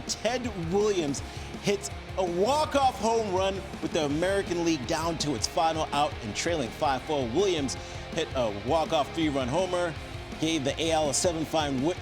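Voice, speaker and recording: Higher-voiced man calling a top ten sports countdown. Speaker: sports show co-host. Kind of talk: top ten countdown commentary over highlights. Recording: music bed behind voice. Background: music.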